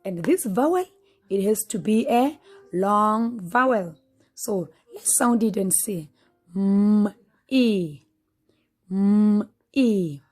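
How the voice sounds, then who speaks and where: A woman teaching a phonics lesson, slowly sounding out letters and repeating words. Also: medium pitch, animated, husky. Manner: slow, patient, repeats sounds aloud.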